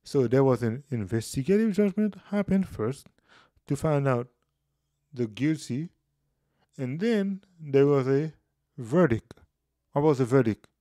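A man teaches the Bible in a casual study video from a small indoor room, explaining things with animated hand gestures. His mid-range voice is a little slow, with long pauses. He wears headphones and uses a studio mic on a boom, giving a dry, close sound.

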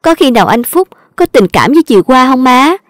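A woman's voice: high voice, very animated, a little fast, no echo, clean studio sound. A woman doing a whiny, scheming young daughter-in-law. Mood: complaining. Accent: Southern Vietnamese. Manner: whiny, pleading. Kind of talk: audio drama reading.

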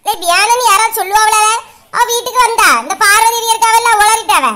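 A pushy middle-aged auntie barks orders in a Kanyakumari accent, as a woman puts her on. She talks fast and high, with a short temper always close. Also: sharp tone. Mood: bossy. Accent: Kanyakumari Tamil. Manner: bossy, quick-tempered. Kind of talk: comic sketch acting.

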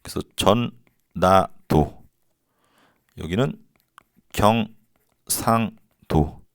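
A man's voice: deep voice, drawn-out words, gravelly, no room sound, studio quality. A man teaching a history lesson to students in a casual, slangy and playful way. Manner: slangy, playful, acts out quotes.

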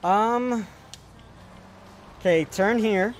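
A man giving let's play commentary, excitable and panicky, swearing a lot as he plays. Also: high-pitched, very slow, a little hiss or hum. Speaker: gaming video host.

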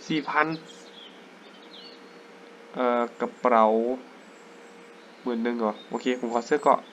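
A young man giving casual, excitable commentary while playing a hunting game, breaking into sudden jumpy exclamations. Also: mid-range voice, a little slow, slight background noise. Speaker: gaming YouTuber. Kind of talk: casual let's-play commentary.

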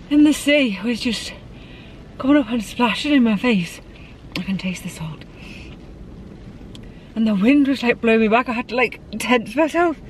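A woman in her thirties talking to a handheld camera from inside her car and out on a windy coast, chatty and excitable about the weather. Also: on the high side. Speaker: travel vlogger. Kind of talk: casual vlog narration. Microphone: phone or camera held at arm's length.

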